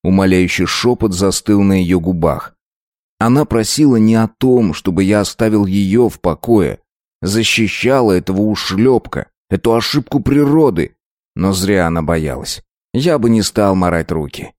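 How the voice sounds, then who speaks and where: Guy with a lowish voice reading an audiobook, dramatic and measured, dry close sound. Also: darkish tone, no room sound. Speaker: narrator. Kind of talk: first-person audiobook narration.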